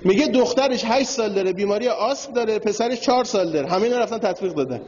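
A man's voice: high-pitched, animated, darkish tone. A man giving a religious lecture, telling a story and speaking directly to his audience. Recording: dull lo-fi recording in a reverberant hall.

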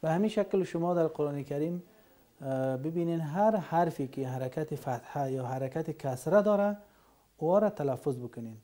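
A man teaching Quran reading in a recorded lesson, sounding out letters and syllables slowly one by one. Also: fairly high pitch, mellow. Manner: slow, drawn-out syllable drills.

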